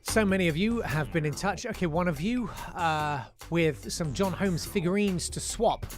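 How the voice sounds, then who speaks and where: A man's voice: high voice, normal speed, soft background music. Wry chatty male show host. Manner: chatty, wry, many "uh" hesitations. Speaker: radio-style show host. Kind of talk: casual chat, reading listener messages.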